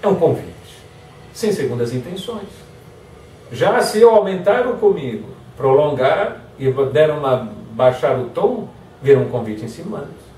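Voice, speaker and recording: Lively man lecturing in a roomy hall. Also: on the high side, measured pace, a little hiss or hum. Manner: lively, acts out example phrases in varied tones. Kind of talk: motivational lecture. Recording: echoey hall from far off.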